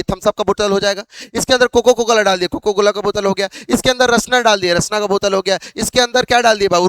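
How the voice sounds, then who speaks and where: High-voiced man drilling a biology class. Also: a bit bright, clear, resonant tone, no echo. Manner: repeats questions to drill students. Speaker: biology teacher. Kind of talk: classroom lecture.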